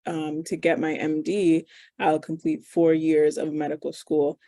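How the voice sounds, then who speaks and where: A woman's voice: sits low, little pitch movement, unhurried, warm tone, no echo, clean studio sound. A woman in her twenties, a medical student, answering interview questions over a video call. She speaks casually, thinking aloud with fillers. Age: 20s.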